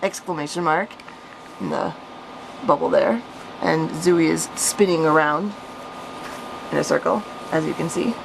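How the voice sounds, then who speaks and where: A storyteller and vlogger reads her own childhood story in a low, gravelly voice, a little slow and with frequent pauses, over a noisy background. Her commentary is casual, amused, and self-mocking, with chuckles, and she becomes animated when reading.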